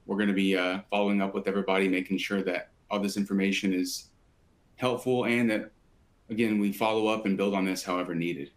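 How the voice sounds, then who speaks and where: Low-voiced man hosting a webinar. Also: fairly even intonation, fairly quick. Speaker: webinar host from sales team. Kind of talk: live webinar presentation.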